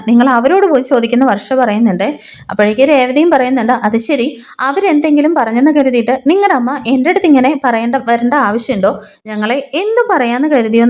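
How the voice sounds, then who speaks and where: A woman with a Malayali accent chats her way through a soap-opera plot. She speaks in a high, light voice and often tags her sentences with small conversational fillers. She reads the characters' quoted lines in much the same voice as her narration. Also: a little mellow. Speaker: serial promo narrator. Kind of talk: casual retelling of a TV serial episode.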